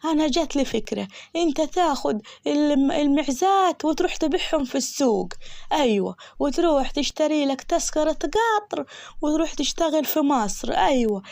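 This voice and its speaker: A woman's voice: sits high, expressive, fairly quick, gravelly, darkish tone, dry recording, studio quality. A woman with an Egyptian accent voicing a naive, lovestruck village girl who pleads and whines. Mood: pleading. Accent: Egyptian Arabic.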